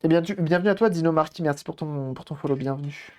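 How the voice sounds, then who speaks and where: A man's voice: on the high side, fast. A man casually commenting on a live stream while repairing a game console, thinking aloud and greeting viewers as they arrive.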